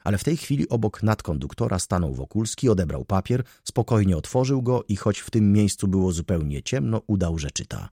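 A man reading a novel aloud as an audiobook narrator, with an expressive, lively delivery. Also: fairly low pitch, a little fast, hardly any pauses, breathy edge, no echo, studio quality. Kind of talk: scripted narration.

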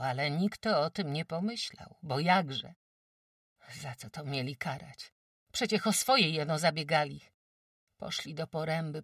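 A woman's voice: deep voice, a bit bright, no room sound, clean studio sound, far from the mic, pitched above the performer's own voice. A woman voicing a careworn peasant farm wife who talks emphatically in rustic speech, lamenting her troubles. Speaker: farm housewife.

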